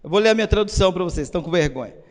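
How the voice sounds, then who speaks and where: A man preaching a sermon as pastor, asking the congregation questions and building up to shouted emphasis. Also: high-pitched, lively intonation, racing. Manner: rises to shouting when stressing a point. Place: church. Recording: long reverb of a church hall.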